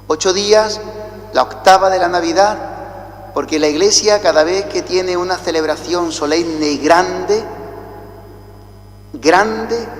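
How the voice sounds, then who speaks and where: A priest from Spain with a Spanish accent, chanting the liturgy and then preaching a slow, deliberate homily, heard with a cathedral echo. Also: male voice, on the high side. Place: large church. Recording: echoey church with long reverb.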